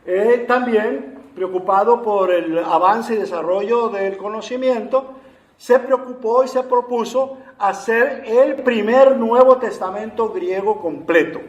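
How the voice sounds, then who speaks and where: Guy teaching a class, talks slow and explains, lots of eh's, sounds like a big echoey room. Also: high voice, lo-fi sound. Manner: unhurried, explanatory, with frequent "eh" fillers. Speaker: Bible translation lecturer. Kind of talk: explanatory lecture to an audience. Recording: roomy echo.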